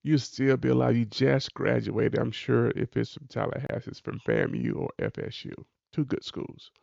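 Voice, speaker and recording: Very gravelly man giving casual reaction commentary. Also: medium pitch, fairly even intonation, moderate pace, a little mellow, no room sound, highs cut off. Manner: colloquial, exasperated, preachy.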